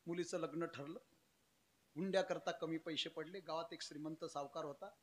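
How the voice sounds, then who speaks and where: A man preaching through a folk story, emphatic, moving between loud declaiming and low narration and acting out the characters' lines. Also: fairly even intonation, moderate pace, slight background noise. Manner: acts out characters' dialogue in changed voices. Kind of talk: storytelling sermon.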